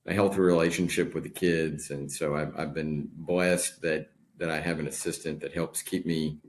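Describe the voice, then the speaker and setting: This is a man in his forties being interviewed as a guest. His voice sits very low and deep. He speaks in a measured, deliberate way, like someone in a relaxed conversation. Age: 40s. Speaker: podcast guest. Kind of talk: casual interview talk.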